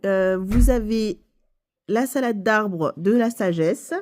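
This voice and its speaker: A woman's voice: mid-range voice, slow pace, darkish tone. A woman with a stuffy nose from a cold, explaining a game casually with many fillers and self-corrections. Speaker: video game channel host.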